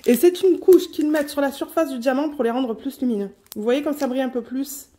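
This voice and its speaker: A woman vlogging an unboxing in a quick, chatty way, reading out color numbers at home. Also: high-pitched, dark tone. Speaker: diamond painting vlogger. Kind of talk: casual unboxing chat.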